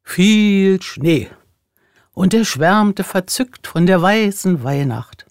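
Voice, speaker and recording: A narrator reading a Christmas animal fable aloud, slow and expressive. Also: medium pitch, dry recording, studio quality. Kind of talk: storybook reading.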